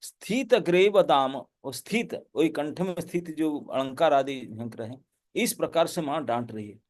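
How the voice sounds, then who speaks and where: Animated high-voiced male preacher. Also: a little slow. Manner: animated, laughing storyteller. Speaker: monk and preacher. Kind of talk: devotional lecture with storytelling.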